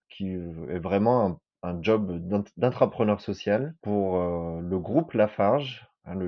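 A man in his thirties from southern France, with a very low voice, gives a personal testimony on a podcast. He speaks haltingly, restarting phrases and repeating words as he goes. The recording sounds dull and lo-fi. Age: 30s. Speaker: podcast guest sharing his experience.

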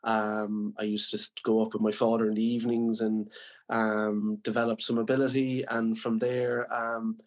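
Limerick guy, west of ireland accent, pretty flat delivery, modest podcast guest just chatting about himself. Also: lowish voice, normal speed. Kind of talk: casual interview reminiscence.

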